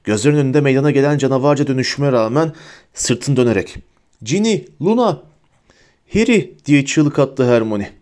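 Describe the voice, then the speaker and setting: A man narrating an audiobook in a warm, mellow voice of ordinary pitch. He tells the story with lively expression and lifts his voice high for the characters' cries. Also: fast talker.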